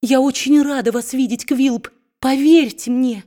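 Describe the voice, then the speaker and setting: Brief: timid tearful young wife, high faltering plea, as a woman reader puts her on. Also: steady tone, unhurried, warm tone. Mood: pleading.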